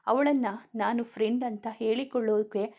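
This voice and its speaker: A woman tells a serialized romance story aloud in a mellow, somewhat high voice. She reads the narration and every character's lines in the same steady reading voice. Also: normal speed, creaky.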